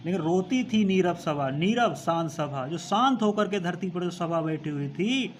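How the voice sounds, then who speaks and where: A male teacher who recites lines of a poem slowly and then explains them, repeating phrases as he goes. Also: sits high, lively intonation, a little hiss or hum.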